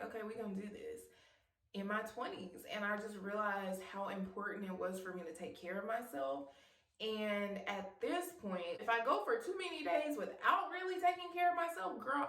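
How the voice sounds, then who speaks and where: A woman of about thirty speaks to her viewers in a heartfelt, chatty way, encouraging and open about her feelings. Her voice sits in a middle register. She sounds a little distant from the mic, in a room with a noticeable echo. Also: medium pitch. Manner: warm and emotional, laughs at herself. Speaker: vlogger. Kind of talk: heartfelt casual talk to camera.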